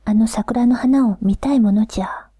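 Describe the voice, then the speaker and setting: A frail old grandfather from a storybook, gentle and thankful, speaks in an old-fashioned rustic way, whispered by a woman reading the tale. The whisper is soft, mellow and airy, close and dry. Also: fairly high pitch, moderate pace, husky, no echo. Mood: tender.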